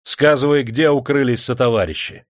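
A man playing a cruel, dry official who interrogates a prisoner in a slow, menacing way. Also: medium pitch, dry recording, pitched above the performer's own voice, close to an everyday voice.

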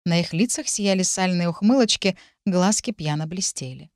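A woman reading a first-person story aloud in an even, measured way. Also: on the low side, no room sound, studio quality. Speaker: audiobook narrator. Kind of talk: first-person audiobook narration.

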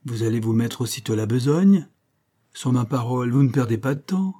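Un homme qui prête sa voix à un vieux recteur nasillard, vif et bourru, dans un livre audio. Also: male voice, mid-range voice, expressive, brisk, dark tone, natural voice. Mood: brusque. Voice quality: nasal. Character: older male rector, brisk and gruff.

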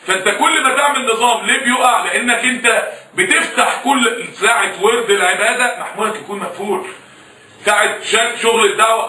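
A man's voice: high voice, sharp tone, echoey room, recorded from a distance, rough recording. A man with an Egyptian accent preaching in colloquial Arabic, answering questions from the audience with impassioned, repetitive appeals. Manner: impassioned, rhetorical, repeats phrases. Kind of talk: colloquial Egyptian religious talk.

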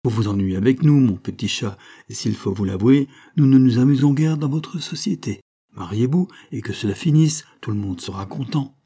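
A man's voice: mid-range voice, lively intonation, moderate pace, mellow, husky, voice pushed up. A man reading the part of a domineering middle-aged matron who speaks sharply and bluntly. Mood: scolding.

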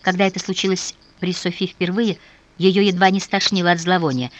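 A steady audiobook narrator with a mid-range voice. The reading is measured and calm, going quiet and low in the darker stretches. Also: dry recording. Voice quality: even, measured reading, dropping low and soft in grim passages. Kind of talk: scripted narration.

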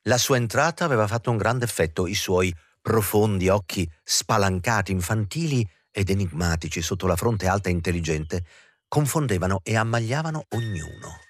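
A man giving an expressive, theatrical audiobook reading of a novel. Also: lowish voice, normal speed, no room sound, studio quality. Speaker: audiobook reader. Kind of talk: literary audiobook narration.

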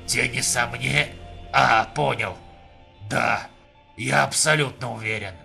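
A man's voice: medium pitch, measured pace, creaky, faint music behind, exaggerated voice. A man playing a blunt, unwavering Neanderthal. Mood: calm. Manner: flat, firm, matter-of-fact. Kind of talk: audiobook reading.

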